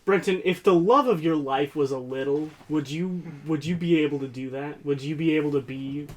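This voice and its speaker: A laid-back man chatting on a comedy podcast, his voice sitting a little high. He goes along easily and poses playful questions to the others. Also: moderate pace. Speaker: podcast co-host and editor. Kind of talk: casual comedy podcast chat.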